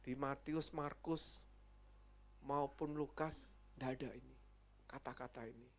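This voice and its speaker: A man's voice: medium pitch, steady tone, a little slow. Emphatic man preaching a sermon. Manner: emphatic, loud peaks then soft asides to the congregation. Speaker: evangelist preacher.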